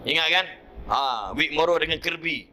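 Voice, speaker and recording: Lively, bright-voiced Malaysian preacher. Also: male voice, a little high, moderate pace, slight background noise. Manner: lively anecdotal storytelling, acting out voices. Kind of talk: sermon. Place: mosque.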